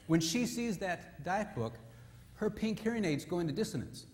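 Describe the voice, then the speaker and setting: A man preaching a sermon with a fairly high voice, telling stories in an animated way and sinking low and soft to drive points home. The sound carries a long reverb from the church hall. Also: normal speed, a little hiss or hum. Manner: animated storytelling, drops low and quiet for emphasis. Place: church sanctuary.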